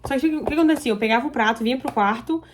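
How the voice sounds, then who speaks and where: Young female vlogger, slightly high pitch, confessional and emotional, speaking directly to viewers. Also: rapid-fire, slight background noise. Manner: emotional, confiding, talks straight to viewers. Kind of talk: confessional storytelling to camera.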